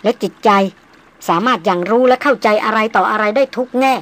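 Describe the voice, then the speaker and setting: Woman audiobook narrator, fairly high voice, calm and even, scripted reading. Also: brisk.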